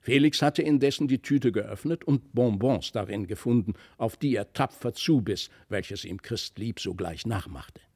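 A man reading a classic tale aloud in measured, even storytelling narration. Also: fairly low pitch, slightly rough, no room sound, clean studio sound. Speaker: audiobook reader.

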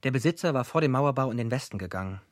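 Speaking rapid-fire and animated, a man narrates a radio drama over clear music as a grown son looking back on his family's troubles. His voice is medium-pitched and close to everyday speech, with no room sound, and his first-person sentences stay short, dry and matter-of-fact.

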